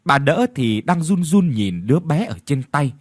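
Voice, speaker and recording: A man narrating a horror story with a dramatic, expressive reading. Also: on the high side, unhurried, a little hiss or hum.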